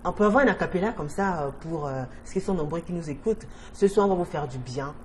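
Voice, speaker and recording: A woman from Cameroon, hosting a studio talk show with expressive, emphatic delivery. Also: lowish voice, fast talker, slight background noise. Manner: expressive, emphatic presenting with lively swings.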